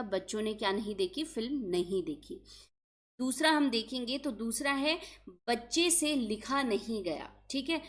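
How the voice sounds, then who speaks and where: A woman teaching an exam-prep grammar lesson, asking herself rhetorical questions and stressing key words. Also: on the high side. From India.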